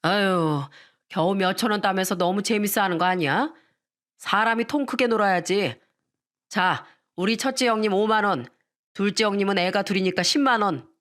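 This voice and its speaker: A woman's voice: medium pitch, normal speed, a bit bright, lightly acted. A woman voicing an arrogant, newly rich male composer who talks down to his wife in a dismissive, sighing way, in a storytelling radio drama. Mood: boastful.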